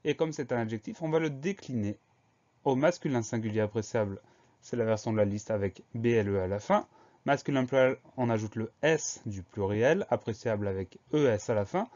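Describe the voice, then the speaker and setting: In a muffled, low-fidelity recording, a man spells words out one letter at a time for schoolchildren and then repeats them with patience. His voice is medium in pitch, slightly mellow, and a bit quick.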